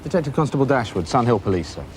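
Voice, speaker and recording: An actor playing a polite, persistent police detective in a 1990s British TV drama. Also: male voice, mid-range voice, very animated, racing, very noisy, close to an everyday voice. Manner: polite, probing questions. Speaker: detective constable.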